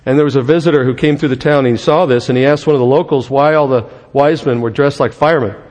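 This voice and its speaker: A man's voice: mid-range voice, quick pace, a little mellow, in a large hall. A man preaching and praying as a pastor, earnest and conversational. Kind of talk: sermon.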